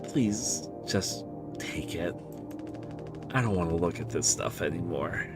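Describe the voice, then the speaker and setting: A man's voice: sits low, lively intonation, takes it slowly. A man voicing a dejected, self-blaming young intern from a game, hesitant and apologetic as he reads the dialogue aloud. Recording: music behind the voice.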